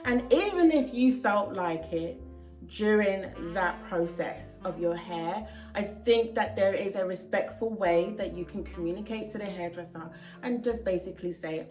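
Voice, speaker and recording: A woman's voice: fairly low pitch, unhurried, a little mellow, faint music behind. Earnest woman giving heartfelt advice. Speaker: hair vlogger. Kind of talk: casual talking-to-camera vlog.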